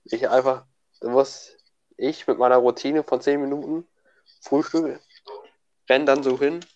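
A man's voice: medium pitch, little pitch movement, unhurried, a little mellow, dull audio. Slangy young man chatting casually. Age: young adult. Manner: slangy, laughs often, restarts words. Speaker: student. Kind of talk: casual chat.

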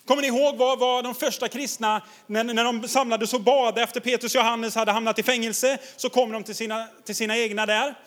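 A man's voice: very high-pitched, steady tone, hardly any pauses, a bit bright. A man preaching a sermon as pastor, enthusiastic and exhorting, laughing often as he tells stories.

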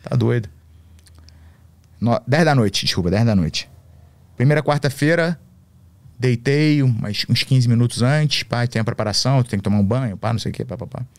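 A man's voice: mid-range voice, animated, moderate pace, long pauses, a little mellow, no echo. A Brazilian man telling a personal story in slangy, profane casual talk. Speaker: podcast guest.

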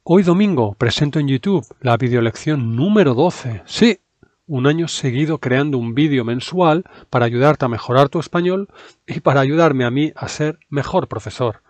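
A man who teaches Spanish, reading his own article aloud in a calm, measured way with clear diction. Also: mid-range voice, no room sound.

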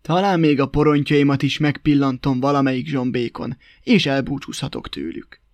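A man voicing a sly, calm old toad who talks in a chatty, teasing and mock-innocent way in a storybook tale. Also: mid-range voice, dry recording, lightly acted.

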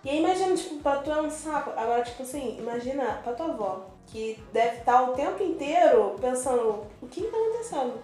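A young woman with a high voice co-hosts a casual podcast. She tells her story in a rambling way and uses a lot of fillers. Her voice rings around a very echoey room, and faint music plays behind her. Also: expressive, a little fast, few pauses, dark tone. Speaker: podcast co-host. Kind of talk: casual chat.

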